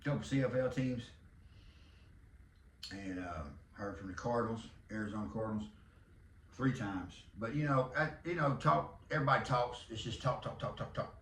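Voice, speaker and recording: A man's voice: mid-range voice, normal speed, fairly bright tone, far from the mic, a little hiss or hum. A Texan man in his fifties hosting a podcast, rambling and joking in casual talk, breaking into hollers now and then. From Texas. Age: 50s. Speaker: podcast host. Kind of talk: casual monologue. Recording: echoey room, off-mic.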